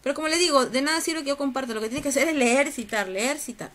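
A woman university teacher with a high-pitched, fairly bright voice lectures students quickly during an online class over a video call. She coaxes and teases them with questions.

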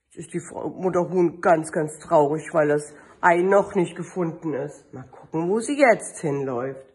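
A woman kindergarten teacher reading a picture book aloud to children, telling the story slowly with sing-song refrains. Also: low-pitched, a little mellow.

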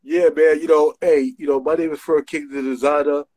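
A middle-aged designer from New Jersey, with a New York area accent, speaks as a guest in a casual phone video call interview from a small indoor room, recorded on the phone's front camera. His voice is on the high side, level, a little fast and slightly mellow. He uses street slang and repeats himself for emphasis.

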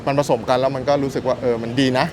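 A man's voice: mid-range voice, little pitch movement, racing, background noise. A Thai man chatting casually and explaining things politely, dropping English phrases into his talk with a Thai accent. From Thailand. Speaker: interview guest. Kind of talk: casual chat.

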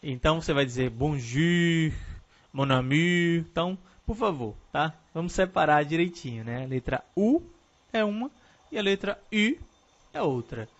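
A man's voice: a little high, sing-song, moderate pace, dull audio. A man teaching French pronunciation in a video lesson, explaining patiently and often tagging his sentences with a questioning "right?".

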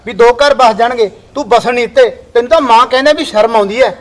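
A man's voice: extremely high pitch, fast. A man playing an adult son who firmly accuses his mother. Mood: accusing. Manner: accusing, firm. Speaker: actor in a family skit.

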